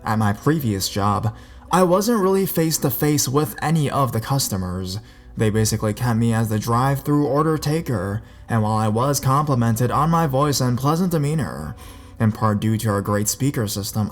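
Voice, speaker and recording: Man, horror story narration, measured and ominous, mid pitch, faint music underneath.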